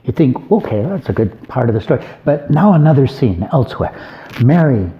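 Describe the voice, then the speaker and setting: A man's voice: medium pitch, very animated, brisk, muffled recording. A man, an abbot, giving an informal homily on a Gospel reading, conversational and folksy, with joking asides.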